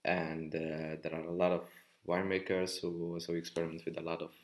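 A man's voice: low-pitched, little pitch movement, fairly quick. A man from Hungary who works as a sommelier, talking casually and rambling with many restarts. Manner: rambling, restarts often, asks for agreement. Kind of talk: casual conversation.

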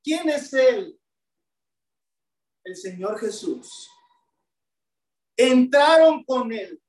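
Heard from afar in a reverberant room, this female preacher speaks extremely slowly, her slightly high voice lively yet a touch mellow. Her sermon is full of rhetorical questions aimed at the congregation, whom she addresses as brethren.

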